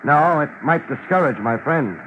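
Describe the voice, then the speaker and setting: An actor playing a tough, wry private detective in an old radio crime drama, talking in a terse, dryly sardonic way. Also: male voice, fairly high pitch, lively intonation, normal speed, a bit bright. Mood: curt, unruffled. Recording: muffled, narrow-band old radio recording with hiss.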